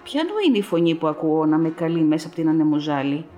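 A woman's voice: fairly low pitch, expressive, mellow, lo-fi sound, lightly acted. A woman voicing a frightened older male scholar who describes his visions in a trembling, fearful way, over faint music. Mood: terrified. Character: terrified old male scholar seeing visions.

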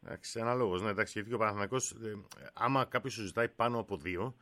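A man's voice: on the low side, sharp tone. A man, hosting a sports radio show, talking in a conversational way with short agreeing replies. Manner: brief agreeing responses, conversational. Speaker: radio host.

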